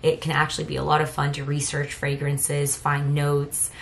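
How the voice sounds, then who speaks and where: A woman's voice: sits low, completely flat delivery, normal speed, creaky. A woman chatting casually through a fragrance haul review, rambling and correcting herself as she goes. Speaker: fragrance vlogger. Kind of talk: casual product review chat.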